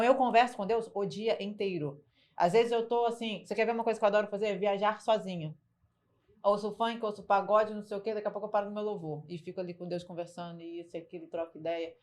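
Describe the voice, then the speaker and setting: A woman guest in a casual interview telling her story in a lively, frank way. She talks colloquially with slang and fillers, and often acts out what people said. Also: medium pitch. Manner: lively storyteller who acts out quoted dialogue. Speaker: interview guest, business owner.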